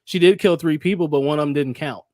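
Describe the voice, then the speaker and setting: A man's voice: fairly high pitch, fast, a little mellow, no echo, clean studio sound. A man co-hosting a podcast, talking in a loose, rambling way with lots of fillers and swearing. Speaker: podcast co-host. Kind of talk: casual chat.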